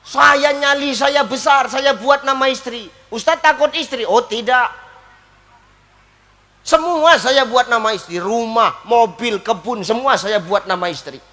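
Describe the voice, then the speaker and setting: A man's voice: very high-pitched, measured pace, pushed and bright. A man preaching a comic sermon, joking and acting out little scenes. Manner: joking, switches between Javanese and Indonesian, acts out scenes.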